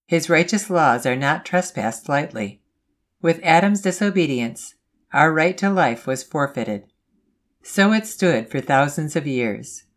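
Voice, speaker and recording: A woman reading a scripted Bible devotional in a measured, solemn way, citing scripture references aloud. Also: deep voice. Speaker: devotional reader.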